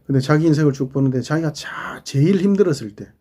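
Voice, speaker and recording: Husky-voiced pastor preaching conversationally. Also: male voice, on the high side, quick pace. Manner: conversational preaching, asks the congregation questions, drops to quiet asides. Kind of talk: sermon.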